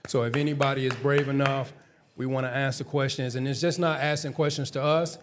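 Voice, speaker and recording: A man's voice: mid-range voice, little pitch movement, fairly quick, noisy background. A man co-hosting a live podcast who opens the Q and A in a casual way and restarts his sentences. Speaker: co-host.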